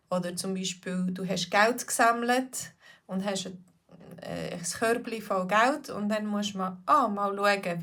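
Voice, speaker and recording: A middle-aged woman with a Swiss accent, a Swiss German teacher chatting casually to learners, repeating phrases slowly. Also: medium pitch. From Switzerland. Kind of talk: casual video lesson talk.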